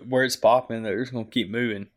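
A man's voice: mid-range voice, steady tone, fast talker. A man who is a veteran guest on a podcast, talking in a laid-back, chummy and profane way. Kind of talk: casual conversational interview.

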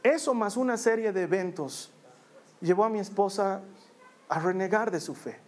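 A man, preaching a personal testimony in an earnest storytelling manner, slowing down on key phrases. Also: high-pitched, darkish tone.

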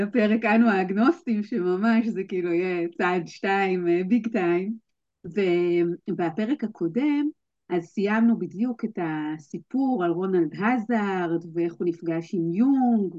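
A woman's voice: medium pitch, a little mellow, no echo, highs cut off. A woman hosting a podcast in a chatty, upbeat way, with frequent fillers. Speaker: podcast host. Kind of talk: casual podcast chat.

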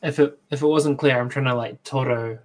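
A mid-pitched man plays in a tabletop game, laying out what his character does. He often stops and restarts his phrases as he describes the action. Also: steady tone, a little fast, a little mellow. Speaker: player.

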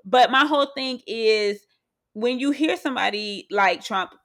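A woman co-hosting a casual chat podcast, ranting in an animated way and repeating her phrases. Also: a little high, a little slow. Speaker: podcast co-host.

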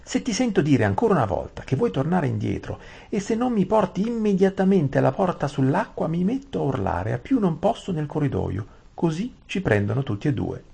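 Storybook heroine, a brave young girl in a hurry, voiced by a man, pitched up and pushing, raspy underneath. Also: very animated, fairly quick, few pauses, mellow, exaggerated voice. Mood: urgent insistent. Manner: urgent, insistent. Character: determined, impatient young noble girl.

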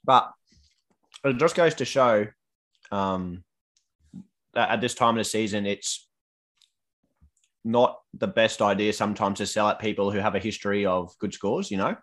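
A man's voice: lowish voice, fairly even intonation, normal speed, long pauses, fairly bright tone. An Australian man chatting casually as a panellist on a fantasy rugby league show. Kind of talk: casual sports chat.

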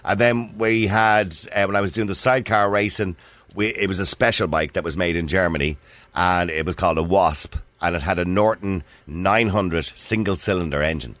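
A man's voice: deep voice, steady tone, normal speed, a bit bright, no echo. A man with an Irish accent hosting a casual radio phone-in. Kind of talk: lively casual radio chat. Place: radio studio.

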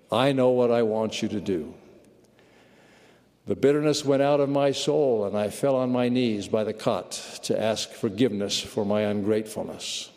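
A man's voice: medium pitch, vocal fry, darkish tone, long reverb tail. A man quoting a firm, earnest older man recalling his life, within a sermon. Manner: earnest, firm quoted storytelling. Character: firm older male gardener, later humbled.

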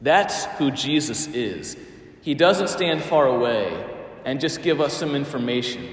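A man's voice: mid-range voice, expressive, measured pace. A man preaching a sermon as a priest, telling a story with emphatic phrasing in a church. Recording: echoey church with long reverb.

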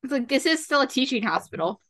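Female podcast co-host, bright, sparkly tone, enthusiastic fan chatter. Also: high-pitched, sing-song, fast talker, no echo. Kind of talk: casual TV recap chat.

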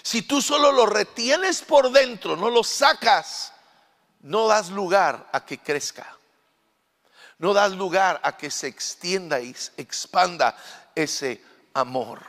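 A middle-aged man delivers a sermon from the pulpit in a high, reaching voice. He moves between quiet, chatty asides full of fillers and loud proclaiming. The church hall gives every word a long tail of reverb. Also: slow pace. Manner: fillers and repeated words. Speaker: pastor.

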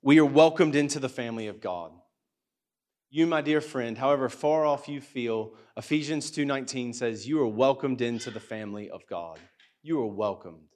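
A man's voice: medium pitch, normal speed, darkish tone. A man preaching a sermon in a school hall, earnest and speaking into a microphone, now and then acting out his listeners' doubts in a livelier voice. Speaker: pastor. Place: school hall church gathering. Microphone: handheld or stand microphone.

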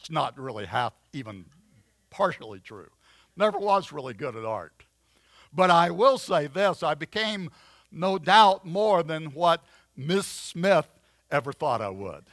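Guy giving a sermon, kinda high voice, lots of uhs and restarts, dry close sound. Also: very animated, a bit bright, dry recording. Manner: halting, many fillers and restarts. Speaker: pastor. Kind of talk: sermon with personal storytelling.

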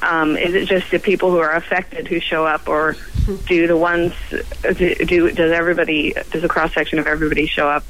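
A woman scientist, a guest on a radio roundtable, sounds croaky from a cold and speaks haltingly, with many pauses and restarts. Her voice is deep and a bit bright, with a flat delivery, and the audio quality is poor.

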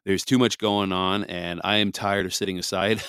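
Congested from a cold, a Michigan podcast host reads scripture and adds casual commentary in a low, smooth, steady voice with a fairly bright tone. He rambles with lots of fillers, then slows to read the verses deliberately. The close mic is dry, with no room sound.

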